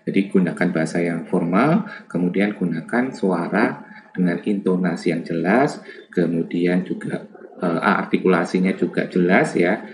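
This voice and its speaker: Deep-voiced man lecturing casually. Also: moderate pace. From Java, Indonesia. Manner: conversational, many fillers and tag questions. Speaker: lecturer on lab communication. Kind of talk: informal lecture.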